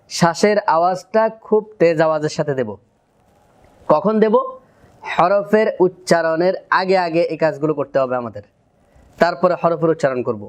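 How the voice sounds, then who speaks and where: A Quran recitation teacher, a man with a Bangladeshi Bengali accent, lays out each step methodically and then drills the syllables aloud. His voice is high for a man and comes through smooth and resonant. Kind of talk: pronunciation lesson.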